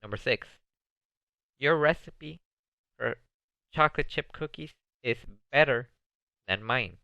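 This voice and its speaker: A man teaching an ESL video lesson, reading English example sentences slowly and explaining them in Spanish. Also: mid-range voice, gravelly, bright, forceful tone, dry recording. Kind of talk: recorded video lesson on comparative adjectives. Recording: dull, dry lo-fi sound.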